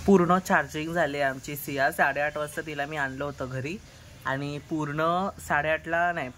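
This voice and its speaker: A woman's voice: deep voice, fairly bright tone, slight background noise. A woman home vlogger chatting casually, teasing and cooing at a toddler in playful baby talk.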